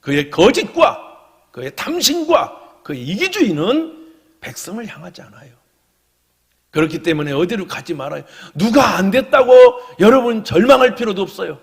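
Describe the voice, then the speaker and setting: Husky Korean pastor in echoing sanctuary. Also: male voice, high voice, sing-song, normal speed. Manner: swings between loud proclamation and hushed whispers. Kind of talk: sermon.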